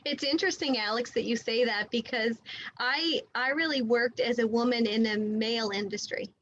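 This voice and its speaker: A woman's voice: a little high, moderate pace, fairly bright tone, a little hiss or hum. A woman on a panel discussion, reflecting on her own experience. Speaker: panel guest. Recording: dry, dull sound.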